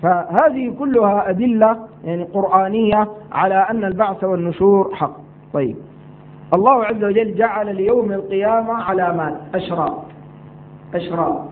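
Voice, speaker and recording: High-voiced man preaching, tinny sound. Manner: measured, explanatory, addresses brothers and sisters. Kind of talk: sermon.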